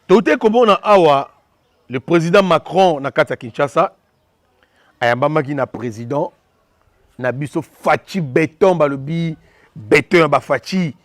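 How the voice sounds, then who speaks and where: A man from Congo, his voice on the high side and expressive, offers fervent opinion commentary at a rapid clip, repeating himself while alternating French and Lingala. The recording is dry with a clean studio sound.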